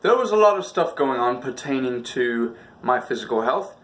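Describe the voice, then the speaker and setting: Speaking at normal speed in a mid-range, sing-song voice, a man hosts a comedic video where he tells personal stories. His delivery is theatrical and exaggerated, packed with performed reactions and sound effects.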